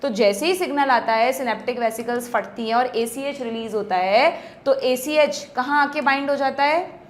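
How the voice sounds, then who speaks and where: High-voiced woman teaching biology. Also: normal speed. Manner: explains step by step, checks in with students. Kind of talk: exam-prep lecture at a whiteboard.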